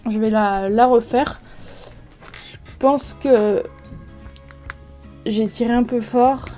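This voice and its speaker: A woman from France walks viewers through a crafting project in a relaxed, chatty way. She often stops on fillers and starts her sentences over. Her voice sits fairly high yet sounds mellow and warm. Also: slow, soft background music. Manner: chatty, many fillers and restarts. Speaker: craft video creator. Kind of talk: casual crafting tutorial.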